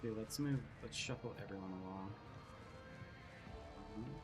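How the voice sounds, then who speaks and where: A man's voice: lowish voice, moderate pace, music in the background. A man streaming a game, chatting casually and reading the game's text aloud with asides.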